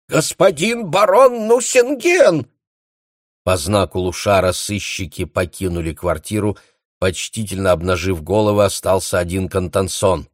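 Male audiobook narrator, low voice, very unhurried, dry close recording. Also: dry recording. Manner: measured, deliberate reading. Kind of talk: scripted literary narration.

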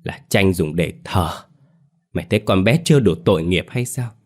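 A man reads an old grandmother in a told ghost story, furious and harsh as she scolds her son, on a deep, low voice with little change from the teller's own. The scolding lines come quick and cutting. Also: animated. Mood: angry scolding.

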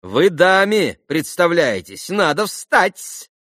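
A man voicing a servile, buffoonish, agitated middle-aged captain in an audiobook, with a shrill, fawning, theatrical delivery. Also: big pitch swings, takes it slowly, fairly bright tone, no echo, clean studio sound, exaggerated voice.

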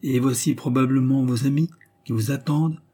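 A man reading an audiobook, voicing a lively young woman with a raised, bright tone. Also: medium pitch, a little fast, slightly rough, lightly acted. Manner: bright, lifted tone.

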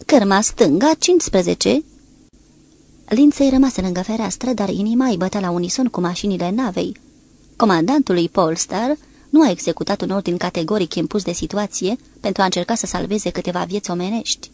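A woman reads a wartime sea novel aloud in a measured, steady voice. Her pitch sits in a middle range, neither high nor low. She keeps an even pace and lifts her voice a little when characters shout. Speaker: audiobook narrator. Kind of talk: scripted audiobook narration.

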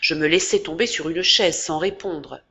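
Bright-voiced woman reading a novel aloud. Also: low-pitched, normal speed, vocal fry, slightly rough. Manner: dramatic, varied emphasis. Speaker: audiobook narrator. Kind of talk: expressive literary reading.

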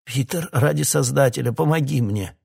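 A man's voice: mid-range voice, sing-song, moderate pace, husky, voice pushed up. A man reading an audiobook, voicing a desperate male captain who pleads in a raised, urgent voice. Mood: pleading.

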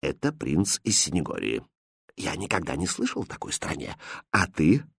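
A man's voice: mid-range voice, huge pitch swings, moderate pace, slightly rough, no echo, studio quality, voice pushed up, exaggerated voice. A man voicing a pompous, somewhat bumbling king in a storybook reading. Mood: confiding. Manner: grand when formal, hushed when confiding.

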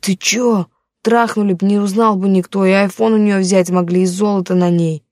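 A woman's voice: medium pitch, fairly even intonation, moderate pace, darkish tone, no room sound, clean studio sound, close to an everyday voice. A woman reading the part of a crude, mocking young male street thug in an audiobook. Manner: mocking, vulgar, menacing.

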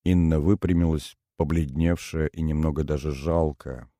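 A man narrating a first-person audiobook in a calm, measured, brooding way. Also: rumbling low, dry recording, studio quality.

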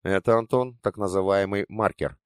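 A man reading an audiobook and voicing a stern, sardonic masked mentor who speaks slowly and irritably. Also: sits low, clear, resonant tone, no echo, studio quality, natural voice. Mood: explaining. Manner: slow, irritable, dryly mocking.

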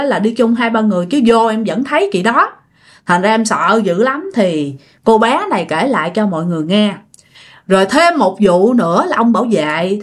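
Chatty Southern Vietnamese woman telling ghost stories. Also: mid-range voice. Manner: chatty, addresses listeners directly. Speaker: storyteller. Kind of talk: casual ghost-story narration.

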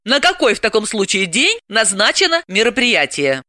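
A woman's voice: a little high, big pitch swings, normal speed, pushed and bright, dry recording, clean studio sound, voice pushed up. A woman reader voicing an indignant, ironic female psychoanalyst. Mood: wary. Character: exasperated sharp-tongued woman psychoanalyst.

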